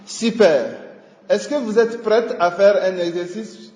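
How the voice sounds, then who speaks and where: Slow high-voiced man teaching a radio lesson. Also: darkish tone. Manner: slow, deliberate teaching delivery. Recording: echoey hall with long reverb.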